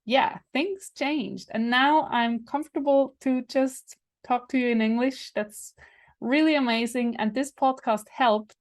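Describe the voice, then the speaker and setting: Speaking English on the podcast she hosts, a woman from Switzerland, a native Swiss German speaker, casually announces something in a high voice. Fillers, restarts and pauses to search for words run through her speech.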